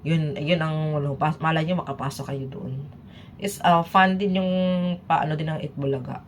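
A woman from the Philippines talks through a reaction video in a low, easygoing voice. She chats and laughs as she goes, switching between Tagalog and English. A faint background noise sits under her talk. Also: fairly even intonation, moderate pace. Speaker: YouTube reaction vlogger. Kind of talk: casual reaction chat.

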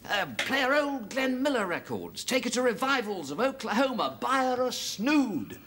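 An actor playing a breezy, flirtatious colleague who jokes and chuckles in a studio sitcom. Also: male voice, very high-pitched, sing-song, normal speed, noisy background. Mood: smug. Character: smug middle-aged male colleague, flirtatious.

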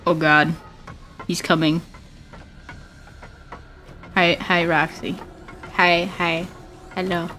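A young woman giving casual, excitable gaming commentary, swearing often and breaking into frequent laughter. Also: lowish voice, very slow, pauses often, soft background music. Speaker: gamer.

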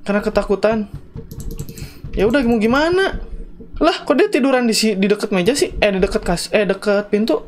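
A man's voice: high-pitched, expressive, normal speed. A young man doing slangy let's-play commentary on a horror game, mixing in English phrases and shrieking at jump scares. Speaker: gaming YouTuber.

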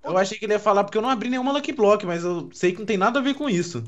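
A man's voice: high voice, animated, racing, lo-fi sound. A young Brazilian man with a Brazilian Portuguese accent, playfully needling his friends while gaming. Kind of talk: casual gameplay banter with friends.

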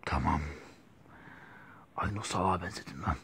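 A man's voice: deep voice, moderate pace, creaky, a bit bright, a little hiss or hum, pitched below the performer's own voice. A man voicing a scheming male psychopath and master of disguise, in whispered role-play asides.

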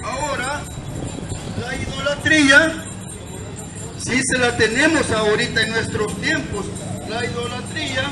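Over music, a Salvadoran preacher with a high voice explains scripture in short, declamatory phrases from a gazebo in a public square. Recorded by a distant camera, the sound is echoey and noisy, with crowd and traffic in the background.

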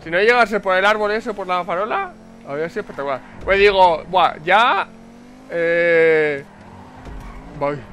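An excitable man with a Spain Spanish accent commentates his own car race in a fairly high voice. He swears freely and fires off words in repeated bursts. Faint game sounds run underneath. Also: unhurried. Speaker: gameplay commentator. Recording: faint game noise behind.

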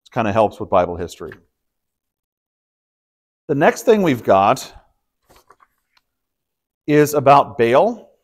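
In a church study room, a pastor from Texas guides an informal Bible study, talking it through with frequent fillers and false starts. He speaks slowly at a medium pitch, with big swings in pitch and long pauses.

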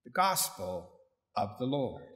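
Priest with cathedral echo. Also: male voice, mid-range voice, sing-song, takes it slowly, fairly bright tone. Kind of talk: proclaiming the gospel and preaching a homily. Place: large church. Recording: long echoey hall reverb from a big church.

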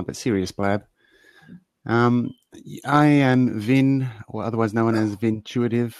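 A man's voice: on the low side, a little mellow, no echo. A man speaking as a guest in a live-streamed discussion, hesitant with frequent restarts. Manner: hesitant, many fillers and restarts. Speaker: guest panelist.

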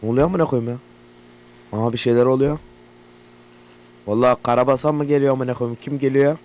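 A man's voice: mid-range voice, steady tone, a little fast. Swearing man playing a horror game. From Turkey. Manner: profane, loud, jumpy reactions. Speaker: gaming YouTuber. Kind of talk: horror game let's play commentary. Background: generator hum from the game.

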